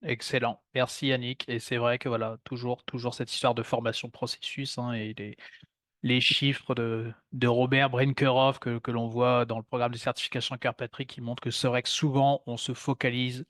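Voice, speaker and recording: Guy cohosting a podcast, normal pitch, dry close recording, explains stuff and restates it. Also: flat delivery, normal speed, a bit bright, dry recording. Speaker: podcast co-host. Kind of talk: conversational explanatory hosting.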